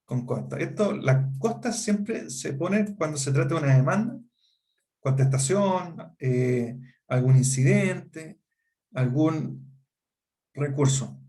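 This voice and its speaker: A man's voice: fairly high pitch, animated, slow, warm tone. A middle-aged man with a Chilean Spanish accent, teaching a law seminar and often checking whether students follow. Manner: explanatory, asks students rhetorical check-ins. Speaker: law lecturer. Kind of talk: seminar lecture.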